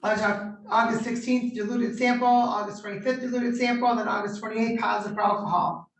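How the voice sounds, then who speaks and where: A woman judge conducting formal court proceedings in measured, procedural questions, heard on a courtroom recording. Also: fairly high pitch, steady tone. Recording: roomy courtroom audio from a distant mic.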